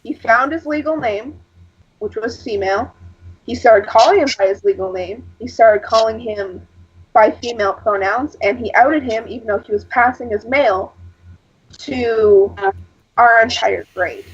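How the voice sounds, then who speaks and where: In a casual chat, a woman with a husky voice, lower than average for a woman, rambles unhurriedly through personal stories, dropping frequent fillers. The sound is lo-fi and dull.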